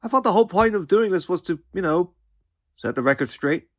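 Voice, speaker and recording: A man's voice: sits high, lively intonation, fairly quick. A man voicing a young wisecracking superhero in a comic book dub, earnest, sarcastic and easily riled. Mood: defensive, riled. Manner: quippy, sarcastic, youthful.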